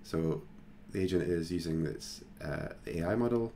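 A man hosting a screen-recorded software tutorial, talking casually and thinking aloud with plenty of fillers. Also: sits low, moderate pace, creaky, a little hiss or hum. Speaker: tutorial host.

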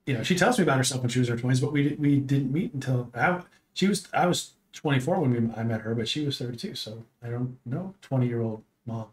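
A man's voice: mid-range voice, quick pace, few pauses. Man, fifties, casual podcast chat, rambling, restarts, home desk mic. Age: 50s. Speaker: podcast guest, host's father. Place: home streaming room.

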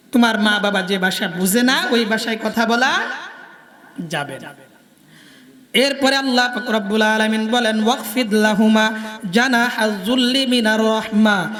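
A man's voice: high voice, sharp tone, long reverb tail. A man preaching a sermon in a Jamalpur Bengali accent, in a singsong delivery that keeps quizzing the crowd.

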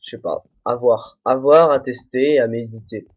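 Young man, let's play host, rambling self-talk, husky voice, dull muffled home recording. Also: mid-range voice, normal speed, darkish tone. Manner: rambling, self-mocking, talks to himself. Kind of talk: casual solo gameplay commentary. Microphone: desk microphone, no headphones.

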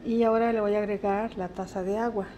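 A woman hosting a casual home cooking demonstration, chatting in a homely, unhurried way in an indoor kitchen. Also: mid-range voice, little pitch movement, warm tone. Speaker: host of a home cooking channel. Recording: faint-to-clear background noise, home kitchen.

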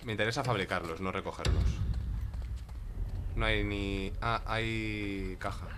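A man's voice: fairly low pitch, unhurried, background noise. A man with a Spain Spanish accent giving casual gameplay commentary, chatty and talking to himself and his cat. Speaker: gaming YouTuber.

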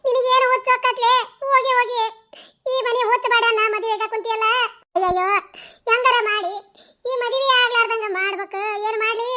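A woman's voice: extremely high pitch, pushed and bright. A woman voicing a scheming village mother in a cartoon, wailing and scolding. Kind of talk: cartoon dialogue.

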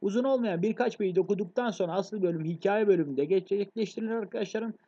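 A man gives a rapid exam review lecture, with a mellow tone and a voice pitched a bit high. He keeps turning to his students and checking that they are following. The recording is dull and lo-fi. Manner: fast, addresses students as friends, frequent checks. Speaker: literature teacher.

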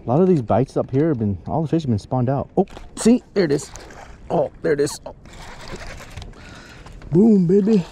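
Excitable man fishing from a boat. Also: on the high side, moderate pace, long pauses. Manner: excitable, whoops when fish bite. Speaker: fishing vlogger. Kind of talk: excited outdoor fishing chat. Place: small boat on a marshy lake outdoors. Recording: outdoor noise, wind and water.

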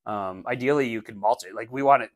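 Speaking quickly at a medium pitch, a man in his forties who runs a landscaping business delivers a casual, no-nonsense how-to to camera. He gestures animatedly as he talks, and the lapel mic in his small, plain-backdrop studio captures a dry sound.

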